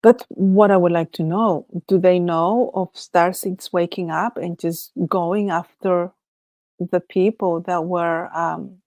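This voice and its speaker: A livestream host from Chile, Spanish her native tongue, chats alone and casually in a Chilean Spanish accent, musing, laughing often, and restarting thoughts she lets trail off. Her lowish voice is slightly mellow, slow, and fairly even in intonation, recorded dry.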